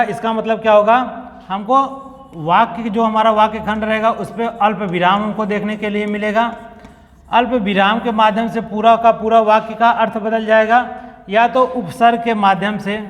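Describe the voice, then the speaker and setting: High-voiced male teacher in a reverberant room. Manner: repetitive, checks in with listeners often; reads examples slowly, word by word. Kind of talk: exam-prep grammar lesson.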